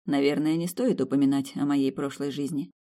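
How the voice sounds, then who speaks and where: Brief: audiobook narrator, first-person romantic fantasy, expressive, mid-range voice. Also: mid-range voice, brisk.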